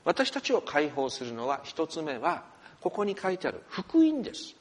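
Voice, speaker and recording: Male senior pastor, sermon delivery, animated storyteller with a lively pitch, church hall. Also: moderate pace. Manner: expressive storyteller, animated asides. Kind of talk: sermon with opening prayer.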